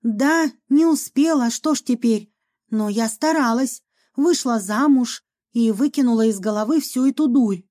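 A woman voicing a chatty young female ghost, a former medium, who talks in a lively, theatrical way and sighs a lot. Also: fairly high pitch, a little slow, natural voice. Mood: pouting. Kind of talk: audiobook reading.

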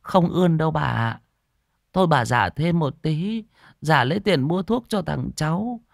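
Male reader as a meek old market woman, soft pleading, a bit higher than his own voice. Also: lively intonation, unhurried, creaky, no room sound, clean studio sound. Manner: humble, pleading.

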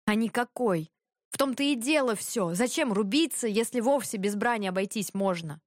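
A stubborn young prince who would rather tinker than fight, speaking in curt, quiet replies, as a woman reader plays him. His voice stays plain and level. The sound is dry and close. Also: a little high, lively intonation, normal speed, no room sound, lightly acted. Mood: sullen. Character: young man, sullen reluctant prince.

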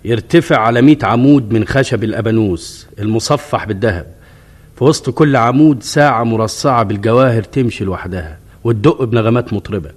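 A man's voice: medium pitch, quick pace, husky, close to an everyday voice. A man playing a grand, boastful folk hero with an Egyptian accent, speaking expansively and with command in colloquial drama dialogue. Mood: grand boasting.

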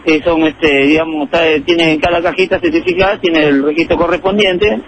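A man's voice: fairly high pitch, fairly even intonation, brisk, a little hiss or hum, rough recording. A man from Peru, an incense seller rambling earnestly with lots of fillers in a street interview. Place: flower shop by a busy avenue.

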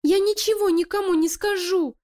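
A woman's voice: extremely high pitch, slow, a little mellow, pitched above the performer's own voice, exaggerated voice. A woman voicing a small frightened male rat who whimpers and pleads. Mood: scared.

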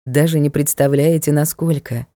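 A composed, aristocratic dark lord speaks low and unhurried, as a woman narrator lowers her voice for him. His tone is mellow and softly ironic. The storybook reading is dry and close. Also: steady tone, dry recording, close to an everyday voice. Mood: calm. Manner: soft, measured, mildly reproachful.

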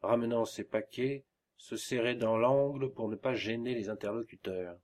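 A man's voice: medium pitch, steady tone, normal speed, darkish tone. Audiobook reader, male, mid-range voice, plain narration that lifts a little for dialogue. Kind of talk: scripted narration of a classic novella.

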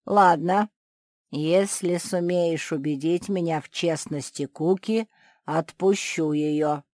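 Sly old ant guy, drawls every word, sneaky and smooth , woman doing the voice, dry close mic. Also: lowish voice, slow pace, darkish tone, no room sound.

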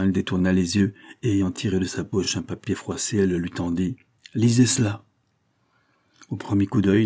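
A man reading a classic novel aloud as narrator, in a measured, even storytelling manner. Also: deep voice, slightly rough. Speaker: audiobook narrator.

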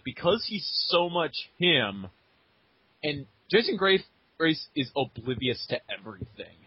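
Eager young man, husky and lively. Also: a little high, dry recording. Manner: excited, laughing, stumbling restarts. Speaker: podcast co-host. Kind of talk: casual chat. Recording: dull lo-fi recording.

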